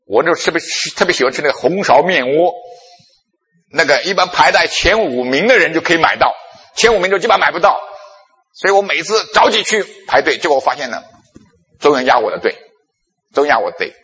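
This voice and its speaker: A male preacher speaking with a breathy, husky voice, his pitch leaping up and down as he acts out scenes from his own past. The sermon rings out in a large hall with long reverb trailing each phrase. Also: fast talker. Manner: animated storytelling, acting out his own past self. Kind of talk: sermon with personal stories.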